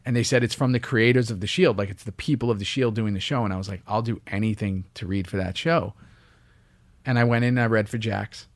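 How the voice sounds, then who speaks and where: A man's voice: lowish voice, quick pace. An actor from the US East Coast, a man, telling anecdotes as a guest in a casual interview, acting out the lines of people in his stories. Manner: lively anecdotes, acts out quoted dialogue.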